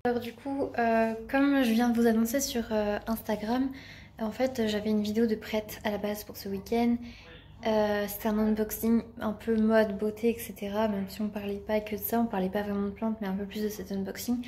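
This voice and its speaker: A woman's voice: mid-range voice, little pitch movement, moderate pace, dark tone, roomy sound, slight background noise. A woman with a Normandy French accent chatting casually at home in a vlog, with many fillers and restarts. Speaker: vlogger.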